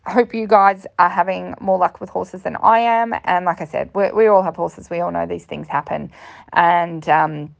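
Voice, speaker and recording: A young woman coaching riders in a chatty, rambling vlog. Her voice sits low with a steady gravelly fry, and she drifts through restarts and ums. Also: normal speed, muffled recording. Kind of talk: casual vlog talk.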